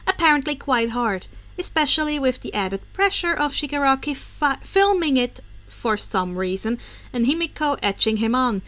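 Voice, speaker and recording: Brief: woman podfic reader, high voice, casual read-aloud narration with quick self-corrections. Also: lively intonation, fairly bright tone. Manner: casual, occasionally corrects misreads.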